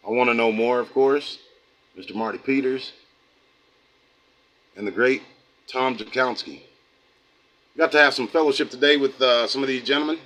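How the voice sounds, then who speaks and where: A man's voice: medium pitch, bright, forceful tone, low-quality recording. A middle-aged man from the United States hosting a livestream, chatting casually with viewers in a folksy, rambling way that drifts into preaching. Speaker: host of a livestream channel. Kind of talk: casual livestream talk, reading chat.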